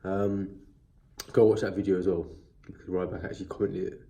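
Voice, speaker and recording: A low, warm-toned male voice, level in tone and fairly quick, belongs to a boxing vlogger with a stuffy, sniffly cold. He chats and rambles through a boxing news video, piling up fillers and restarts, using only his device's built-in mic instead of an external one.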